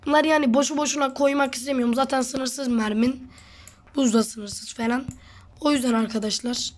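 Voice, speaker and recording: A gamer and channel host comments casually on her own gameplay, teasing her teammate and addressing viewers, and mentions that she is sick. Her voice sits high with a steady tone at a normal speed.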